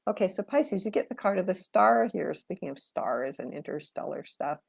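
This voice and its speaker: Her voice going, this middle-aged tarot reader and astrologer rambles chattily on a live stream, dotting her card readings with fillers and replying to viewers. She speaks at a normal speed in a lowish, expressive voice with vocal fry and slight roughness, captured in a dry recording.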